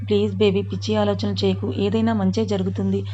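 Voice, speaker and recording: A doting young husband who coaxes his wife with affectionate words, put on by a woman narrator. The voice is mellow and fairly even in pitch. The recording is dull and lo-fi. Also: fast talker, slight background noise, lightly acted. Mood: soothing. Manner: coaxing, affectionate. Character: doting young husband, patient but short-fused.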